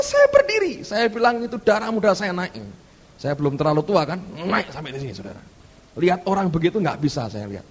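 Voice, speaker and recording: Male pastor, high lively voice, husky edge, storytelling sermon in an echoey hall. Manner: animated storytelling, keeps addressing the congregation as "saudaraku".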